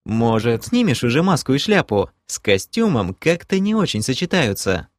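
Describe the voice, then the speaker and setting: A man voicing a cheerful young woman adventurer with a soft, dreamy, teasing way of speaking. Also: mid-range voice, big pitch swings, normal speed, no echo, clean studio sound, voice pushed up, close to an everyday voice.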